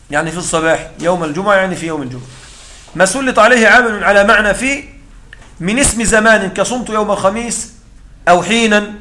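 In an echoey room with a little faint noise, a man with a high, sharp-toned voice teaches Arabic grammar, working through examples and confirming that students are following.

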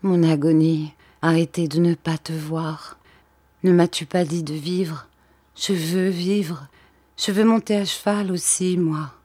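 A woman voicing a dying noblewoman in an audiobook, feverish and childlike, pleading in a breathless, high voice. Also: steady tone, takes it slowly, mellow, no room sound. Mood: yearning. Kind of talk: audiobook character voice.

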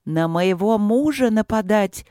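A reader voicing a frightened but commanding young queen who shouts urgent orders. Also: mid-range voice, expressive, a little slow, no echo, clean studio sound, voice pushed up, close to an everyday voice. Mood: furious.

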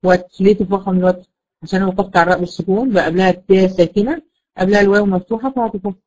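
This woman speaks at a racing pace with a medium pitch, fairly even intonation, and a darkish tone, captured on a low-quality recording. With her Egyptian Arabic accent, she teaches Quran recitation rules in an online class, explaining step by step and often checking that her students are following.

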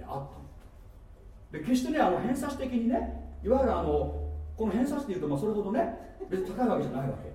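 Man, pastor, playful sermon, slightly high voice, distant mic, faint background noise. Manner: playful, animated preaching with asides and laughter. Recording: echoey hall from far off with faint noise.

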